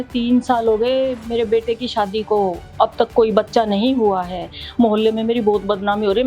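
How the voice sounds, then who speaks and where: A woman's voice: mid-range voice, dark tone, lightly acted. Woman playing a scheming, begging mother-in-law. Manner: pleading, repeats "beta" while crying. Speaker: actor in a family drama short. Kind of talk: melodramatic short-film acting.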